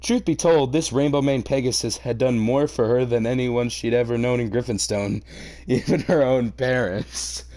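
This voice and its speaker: Reading a fan fiction aloud, a man with a dark, mid-range voice speaks at a normal speed over slight background noise. The comedic reading is broken up by his sweary, mocking, and theatrically exasperated reactions.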